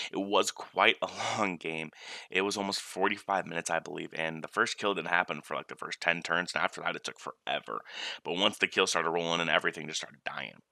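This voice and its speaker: A man's voice: low-pitched, creaky, pushed and bright, dry recording, studio quality. A man in a groggy morning voice, chatting loosely through commentary on his own online battle. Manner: chatty and loose, with filler words and restarts. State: groggy morning voice, just woke up. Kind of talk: casual gameplay commentary.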